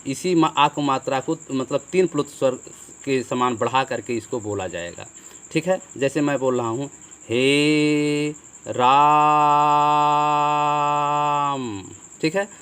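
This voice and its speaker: A man's voice: mid-range voice, animated, normal speed. A man teaching Hindi grammar as a classroom lesson, explaining step by step, asking questions and answering them himself. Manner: explanatory, repeats with "ठीक है" and rhetorical questions.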